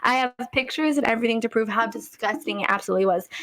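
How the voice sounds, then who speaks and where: A young woman chatting on her podcast, spilling a story in a loose, animated way, full of "like" and asides. Her voice sits a little high, and the sound is close and dry with no room around it. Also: very fast, dry recording, low-quality recording. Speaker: podcast co-host. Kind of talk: casual chat.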